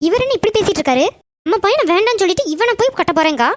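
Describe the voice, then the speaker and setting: A woman's voice: very high voice, sing-song, rapid-fire, background noise. Woman doing a grumbling greedy cartoon mother. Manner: grumbling, sharp retorts. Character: greedy, sulky mother obsessed with property.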